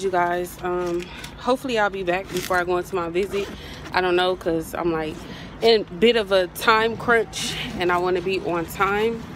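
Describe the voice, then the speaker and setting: In this casual vlog, a young woman sits in her car on a hot day, phone camera at arm's length, chatting with viewers she calls y'all. Her voice is mid-range, and the background is noisy.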